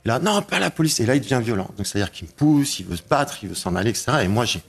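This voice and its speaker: A man giving an emotional testimony, telling his story in a halting way, repeating himself and raising his voice when he relives the moments. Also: fairly low pitch, lively intonation. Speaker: interviewee recounting a break-in.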